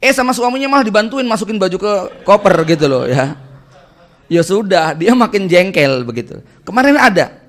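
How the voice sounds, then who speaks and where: A man's voice: sits high, moderate pace. A man giving a casual Islamic study lecture as preacher and family counselor, talking conversationally and animatedly and tagging his phrases with little checks to the audience. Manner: conversational, tags nearly every phrase with "ya" and "gitu kan"; animated, jumps between stress and quiet asides.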